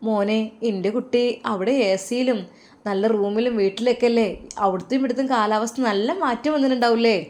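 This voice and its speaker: A woman's voice: steady tone, a little fast, close to an everyday voice. Woman playing a doting elderly mother. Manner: doting, coaxing, higher and brighter.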